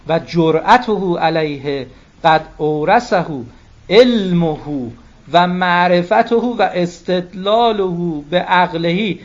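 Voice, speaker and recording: A man giving a religious sermon, emphatic, repeating key phrases and quoting Arabic texts. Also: high-pitched. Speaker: cleric. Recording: dull lo-fi recording.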